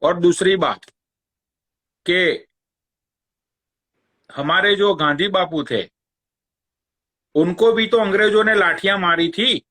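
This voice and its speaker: Guy ranting slow on a livestream, bright voice, sarcastic taunts and swearing. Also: high voice. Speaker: live-stream host. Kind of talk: ranting live-stream chat. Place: Long Island, New York.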